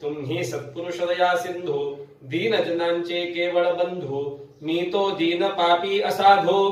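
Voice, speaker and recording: A man reciting devotional scripture verse in a slow, melodic sing-song chant. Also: sits high, steady tone, a little hiss or hum. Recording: very echoey room, voice far from mic.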